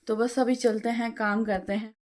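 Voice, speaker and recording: Woman, middle-aged, home vlogger, casual chat, fast and talkative, slightly high pitch. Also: steady tone, a little mellow. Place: home, balcony and kitchen.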